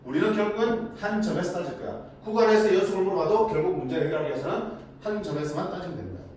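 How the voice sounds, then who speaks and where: A man's voice: sits high, racing, darkish tone. A man teaching a math lesson in a chatty way. He keeps asking students questions and then answers them himself. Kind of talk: lecture to students. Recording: echoey room, mic at a distance, faint noise.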